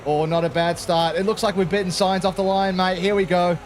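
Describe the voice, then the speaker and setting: An Australian man commentating his own racing game run in a casual, joking way. His voice sits slightly high, and he keeps dropping in "mate". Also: flat delivery, fairly quick, a little hiss or hum. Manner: chatty, jokey, peppered with "mate". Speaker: gaming channel host.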